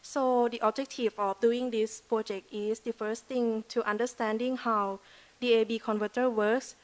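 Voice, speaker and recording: A young woman with a Thai accent speaks at a podium microphone in a lecture hall. Her voice sits a little high, and her delivery is earnest, with loose phrasing and frequent "like" fillers, in the manner of a student presentation. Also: little pitch movement, moderate pace. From Thailand. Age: 20s. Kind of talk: prepared presentation speech.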